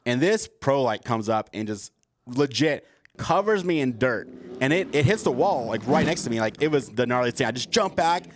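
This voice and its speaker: A man's voice: medium pitch, animated, moderate pace, no echo. A young man co-hosting a casual podcast, laid-back and full of slang. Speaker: co-host.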